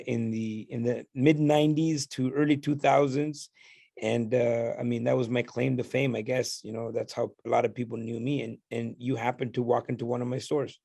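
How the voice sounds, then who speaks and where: A man hosts a relaxed interview, his voice gravelly with a fry at the edges. He talks loosely, circling back through fillers and restarts. The sound is dry and close. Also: medium pitch, dry recording. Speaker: host. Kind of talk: casual interview chat.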